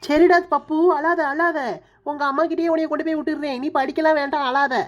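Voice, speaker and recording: A woman's voice: high voice, little pitch movement, fast, natural voice. A woman voicing a bossy young wife who tutors and scolds a small boy in a Kanyakumari Tamil accent, in a cartoon. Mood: scolding. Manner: scolding, threatening, then coaxing. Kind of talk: cartoon voice acting.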